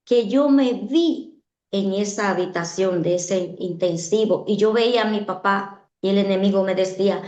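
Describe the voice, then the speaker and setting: A woman's voice: medium pitch, moderate pace, warm tone. A woman giving an earnest personal testimony in an interview, often repeating her phrases for emphasis. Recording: echoey, dull-sounding room.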